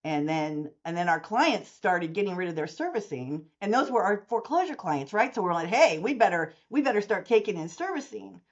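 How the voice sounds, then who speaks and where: With hardly any pauses, a woman in her sixties speaks a little fast in a mid-range voice over lo-fi audio. The mortgage services company owner is giving a long-form interview, animatedly voicing the characters in her anecdotes.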